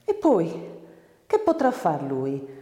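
A woman's voice: on the low side, wildly swooping pitch, takes it slowly, warm tone, full character voice. A woman reading the lines of a carefree, mocking young man, a rich landowner, in a storybook reading with a roomy echo. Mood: teasing. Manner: mocking, boyish laughter in the voice. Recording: roomy reverberant room.

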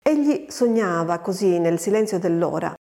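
A woman narrating a literary story in a measured, expressive way, recorded with a long reverb. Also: lowish voice. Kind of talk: literary audiobook reading.

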